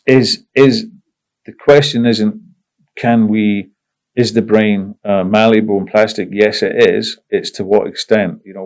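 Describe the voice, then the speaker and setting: A man hosting a podcast interview, thinking aloud in a measured, reflective way and sometimes searching for words. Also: lowish voice, warm tone. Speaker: podcast host.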